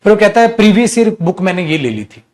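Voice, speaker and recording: A man teaching an online English class in a high-pitched voice. He talks to his students fondly as children and repeats every point in lists. His tone swings between patient coaxing and sharp scolding. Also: very animated, quick pace. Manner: repetitive, list-like explaining.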